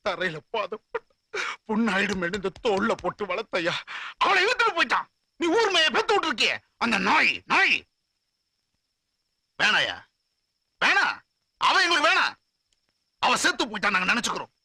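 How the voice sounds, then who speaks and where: An actor playing a furious young man who shouts threats at another man's father, over film music. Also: high voice, expressive, normal speed, pauses often, no echo, heavily acted. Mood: furious threatening. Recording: film soundtrack with loud music.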